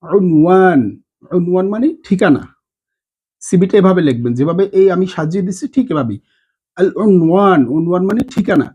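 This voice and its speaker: A man with a husky, slightly breathy voice teaches in a relaxed spoken style. He pitches a little higher than most men. He stretches out key terms slowly and keeps checking in with the listener. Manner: slow drawn-out repetition of Arabic terms; frequent fillers and tag questions. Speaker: Arabic teacher. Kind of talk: casual spoken lesson.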